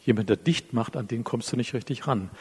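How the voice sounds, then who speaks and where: A man delivers a sermon in a husky, breathy voice at an ordinary middle pitch. He talks straight to his listeners, acts out quoted exchanges, and lets his phrases fall soft and quiet at the ends. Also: brisk. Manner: speaks directly to listeners, acts out quoted dialogue. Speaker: preacher. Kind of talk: sermon with a closing prayer.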